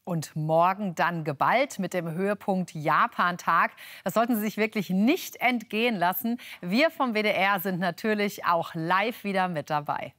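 A woman's voice: medium pitch, moderate pace, few pauses, fairly bright tone. A woman presenting a live TV magazine show, chatty and upbeat, with light improvised asides.

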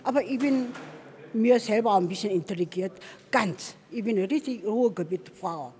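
An older woman from Korea, a native Korean speaker with a Korean accent, speaking halting, imperfect German in a cheerful interview statement. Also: mid-range voice, lively intonation, mellow, big-room sound, a little hiss or hum.

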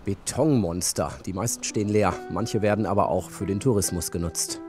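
A man as a travel reporter, giving calm, scripted documentary narration and asking a local guide questions. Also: low voice, normal speed. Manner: calm, even storytelling delivery. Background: music.

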